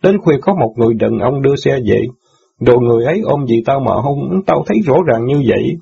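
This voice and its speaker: A heartbroken street newspaper boy full of grievances, voiced by a man in an audiobook drama. His voice is dark, husky and gravelly, with bitter outbursts. The recording is dull and lo-fi. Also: medium pitch, lively intonation, brisk, exaggerated voice. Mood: aggrieved.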